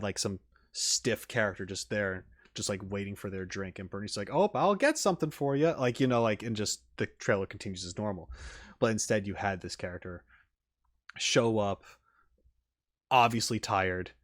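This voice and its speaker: A man with a lowish voice hosts a reaction video, recorded at studio quality with no room sound. His commentary is casual and rambling, full of halting starts, self-interruptions, and thoughts that trail off before he restarts. He swears casually as he goes.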